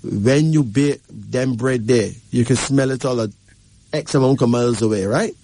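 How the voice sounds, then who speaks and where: With a mellow, mid-range voice at normal speed, this Barbadian radio host emphatically reads a caller's numerology. He checks in with the caller repeatedly, returning to "right?" time after time.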